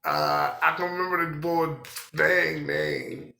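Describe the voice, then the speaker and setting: Philly man, raw gravelly voice, unhurried, cursing, personal testimony, echoey room. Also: on the high side, little pitch movement, pushed and bright. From Philadelphia, US. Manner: halting and profane, many fillers. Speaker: person telling his life story. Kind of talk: personal storytelling.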